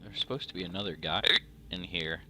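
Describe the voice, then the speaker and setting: A man's voice: low voice, steady tone, brisk, sharp tone, faint music behind. A man hosting a gameplay video, chatting casually with lots of fillers, and hiccuping. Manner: rambling, filler-heavy, self-deprecating. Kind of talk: casual let's-play commentary.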